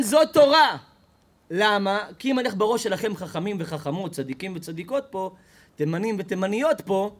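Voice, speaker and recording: A rabbi delivers a spirited sermon in a high voice. He tells stories to his audience and swings between loud outbursts and low asides. The man talks with a preacher's flair. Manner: expressive storyteller, acts out quoted people with loud high shouts. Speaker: rabbi giving a Torah class. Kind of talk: animated sermon.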